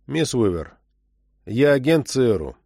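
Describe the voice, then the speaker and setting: A male narrator voicing a calm, unemotional undercover agent in an audiobook. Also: mid-range voice, measured pace, vocal fry, no echo, studio quality, exaggerated voice. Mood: cold. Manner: level, unemotional.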